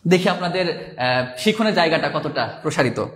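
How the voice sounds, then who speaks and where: High-voiced male teacher, echoey room. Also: lively intonation, a bit bright. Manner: reads viewers' comments aloud, spells words out slowly. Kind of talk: live online exam-prep lesson.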